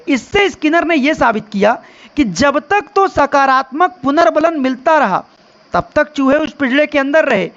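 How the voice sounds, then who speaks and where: A man's voice: extremely high pitch, gravelly, a bit bright, dull audio. A male teacher giving an online exam-prep lesson, calling viewers friends and quizzing them with rhetorical questions.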